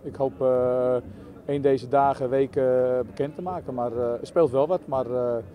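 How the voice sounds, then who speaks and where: A man from the Netherlands, a football coach answering questions after a match, speaking haltingly with many fillers and restarts. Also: mid-range voice, steady tone, phone-quality sound. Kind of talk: post-match interview.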